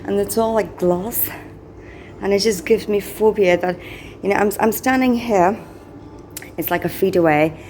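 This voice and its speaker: Slow-paced woman vlogging in a noisy hotel. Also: medium pitch, a little mellow. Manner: halting, unscripted, chatty. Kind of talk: casual handheld vlog narration. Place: small hotel room, later the hotel lobby, corridors and elevator. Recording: noisy handheld recording with background ambience.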